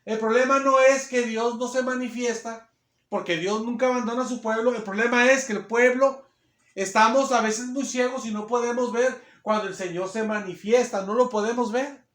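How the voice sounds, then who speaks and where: Pastor, male, very high voice, emphatic and repetitive sermon delivery, roomy church echo. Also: steady tone, normal speed, a bit bright. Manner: repetitive, emphatic, often addresses the sisters.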